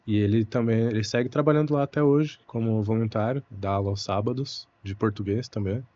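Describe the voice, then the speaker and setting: A young Brazilian man, a Portuguese teacher, speaks as an interview guest in a mellow, lowish voice, though the audio is dull. Thoughtful and unhurried, he often uses the fillers "né" and "puxa" in this relaxed conversational interview.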